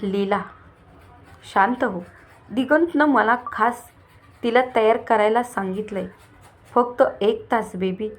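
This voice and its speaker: Brief: easygoing male hairstylist in a storybook reading, calm and unruffled; voiced by a woman. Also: fairly high pitch, slow, pauses often. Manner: calm, soothing.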